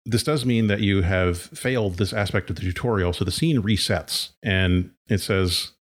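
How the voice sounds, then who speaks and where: A man running a tabletop role-playing game as game master, narrating in a halting way with many fillers. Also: low-pitched. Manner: halting, with frequent fillers and laughs.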